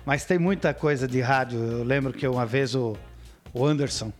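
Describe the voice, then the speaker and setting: A man, a radio announcer telling stories in a relaxed interview and mimicking stiff announcer voices. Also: mid-range voice, moderate pace, soft background music. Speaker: radio announcer and podcast guest. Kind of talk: casual interview chat.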